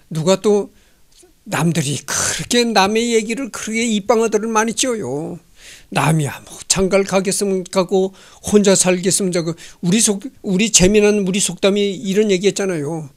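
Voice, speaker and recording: A man in his sixties hosting a history channel, reading a text aloud and commenting on it in a chatty, digressive way with many rhetorical questions, holding a handheld microphone indoors. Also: high-pitched. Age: 60s. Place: indoor home studio.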